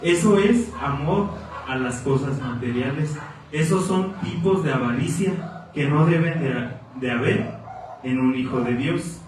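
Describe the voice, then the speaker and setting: A man preaches an earnest sermon in a fairly high voice, slow and deliberate. He drives his points home by repeating them. His voice is picked up from a distance, booming around a very echoey church. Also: slight background noise. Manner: earnest, exhorting, repeats phrases for emphasis. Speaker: pastor. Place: church sanctuary.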